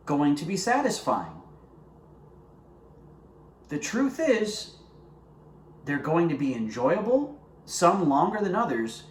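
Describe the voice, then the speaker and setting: A man's voice: on the high side, slight background noise. A man earnestly sharing his personal faith testimony to camera and talking straight to his viewers. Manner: earnest, conversational, addresses viewers directly. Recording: roomy echo with faint ambience.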